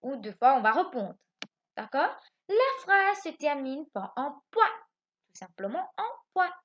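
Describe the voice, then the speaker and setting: A woman teaches young children from home in a recorded lesson, her fairly high voice rising and falling in a lively way. She repeats each point and asks questions that she then answers herself. The recording sounds dull and lo-fi. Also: unhurried. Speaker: primary school French teacher.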